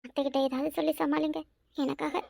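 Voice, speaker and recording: A woman's voice: high voice, level tone, a little fast, vocal fry, dark tone, no room sound, studio quality. A woman doing an earnest young village wife. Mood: imploring. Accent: Kanyakumari Tamil. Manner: earnest, imploring.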